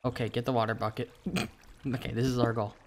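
A man hosting a casual game commentary who swears a lot and swings from panic back to calm. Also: medium pitch, brisk, noisy background. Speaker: gaming channel host. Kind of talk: casual let's-play commentary.

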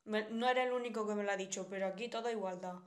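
A woman's voice: medium pitch, fast. A young woman from Spain with a Spanish accent, chatting bluntly with viewers on a live stream and reading out their comments. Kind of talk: casual live-stream chat.

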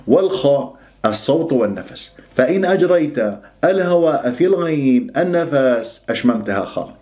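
A man from Iraq teaching Quran recitation rules, stretching words out slowly to demonstrate their pronunciation. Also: mid-range voice, a little mellow. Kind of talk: tajweed lesson with slow demonstrations.

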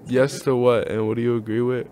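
Young guy streamer roasting randoms on video chat, joking around, mid pitch. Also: little pitch movement, a little fast, dark tone. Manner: teasing, joking, roasting strangers. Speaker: streamer host. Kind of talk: casual video chat banter. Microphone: desk microphone.

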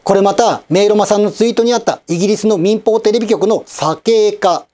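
A man in his fifties hosting a channel, giving polite, measured, scripted news-style commentary with wry asides. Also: high voice, dark tone. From Japan, Osaka and Kochi.

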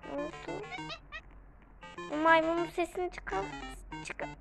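A woman giving playful, excitable commentary while playing a video game, often shrieking and counting aloud. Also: very high voice, measured pace, vocal fry, rough recording. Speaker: gaming video creator. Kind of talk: casual gameplay commentary. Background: game music.

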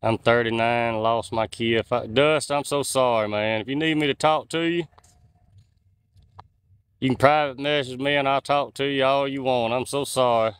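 With a phone on a handheld gimbal, a man in his 40s livestreams a nighttime walk in the woods, casually chatting and reading out comments from viewers in a folksy style. His smooth, mid-range voice is a bit bright, with fairly even intonation at a moderate pace.

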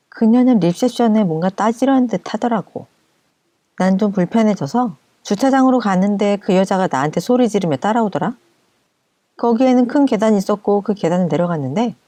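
A woman with a warm, mid-pitched voice tells a first-person story in a steady, conversational manner. Her voice is dry and close to the mic. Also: no room sound. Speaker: story narrator.

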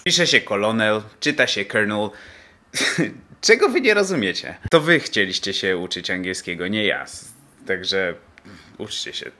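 A man's voice: deep voice, sing-song, unhurried, pushed and bright. A young man who teaches English, ranting in a sarcastic, mock-outraged way, recorded outdoors in an empty spot. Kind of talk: comic rant to camera.

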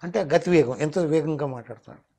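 Man, husky voice, mimicry artist explaining in an interview. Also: on the high side, fast, dark tone. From Telangana, India. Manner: explanatory, slips into demonstration voices.

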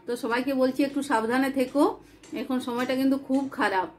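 A woman's voice: high voice, a little mellow, a little hiss or hum. A woman vlogging in earnest, casual chat to camera from a room at home, with a cold and a sore throat. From West Bengal, India. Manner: chatty, earnest, talks fast.

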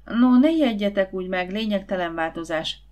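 A woman's voice: mid-range voice, close to an everyday voice. A woman voicing an eager, scheming schoolboy. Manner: lively, confident, persuasive. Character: eager, scheming schoolboy leading his friends.

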